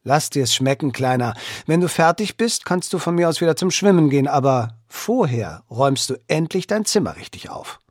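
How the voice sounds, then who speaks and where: A man's voice: on the high side, expressive, no echo, studio quality. Man doing a strict, caring mother. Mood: scolding. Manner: scolding, brisk.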